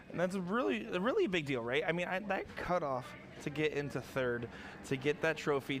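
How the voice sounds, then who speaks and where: A man's voice: on the high side, fairly bright tone. A man doing live darts commentary, upbeat and chatty, explaining the play to viewers. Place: tournament hall.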